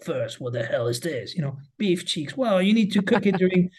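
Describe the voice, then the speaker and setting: A middle-aged Swiss man who heads cheese marketing appears as a guest on a podcast interview, speaking English with a French accent over a remote microphone while on the road. He often repeats words as he restarts and stresses the points he cares about, in a high, darkish, slightly breathy voice with lively intonation at a moderate pace.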